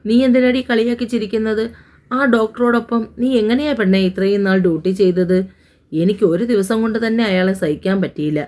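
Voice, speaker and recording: A woman's voice: mid-range voice, brisk, darkish tone, lightly acted. A woman voicing a chatty young nurse who complains to her friend on the phone. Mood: exasperated. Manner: chatty, exasperated.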